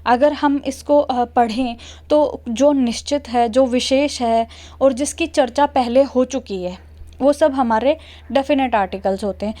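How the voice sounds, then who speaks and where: A young Indian-accented woman teaches a beginner grammar lesson in a patient, steady way. Her voice sits a little high yet sounds mellow and soft rather than bright. She stops now and then to make sure her students are keeping up. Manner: patient, checks understanding with "okay" and "clear?". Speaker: English teacher. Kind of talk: classroom explanation.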